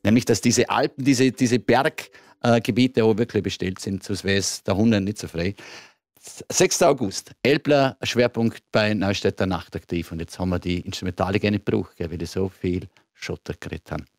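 A man's voice: fairly low pitch, normal speed, a little mellow, dry recording, clean studio sound. A man hosting a late-night radio talk show, friendly and chatty, with frequent fillers and restarts. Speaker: radio host. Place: radio studio. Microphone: studio microphone.

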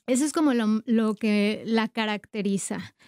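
A woman's voice: medium pitch, unhurried, a little mellow, clear, resonant tone, no room sound, studio quality. A Mexican woman in her thirties answering as a talk show guest, hesitant with many fillers. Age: 30s. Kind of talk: interview answers.

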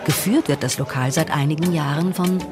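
A woman reporter reading a scripted news feature narration in a composed, even way. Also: sits low, a little fast, over music. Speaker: radio reporter.

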